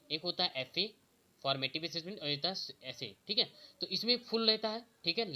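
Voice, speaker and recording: A young man teaching exam prep, explaining questions step by step and slowly reading out the answer options. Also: on the high side, pushed and bright. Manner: repeats "okay" often, reads options slowly.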